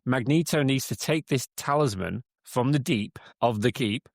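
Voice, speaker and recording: A man's voice: medium pitch, moderate pace, vocal fry, no echo, clean studio sound. A man co-hosting a casual podcast from a cabin in the woods, retelling a film plot with many restarts. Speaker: podcast co-host. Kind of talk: casual chat.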